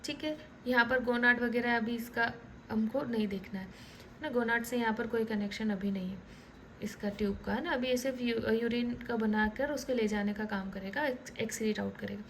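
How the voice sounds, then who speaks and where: A high-voiced woman teaching a class as she walks through diagrams. She talks in a relaxed, conversational way, checking in with listeners and restarting words mid-thought. A faint room hum sits behind her voice. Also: moderate pace, rough recording. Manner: repeats "ठीक है" often, restarts words. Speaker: biology teacher. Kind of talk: online lecture explaining diagrams.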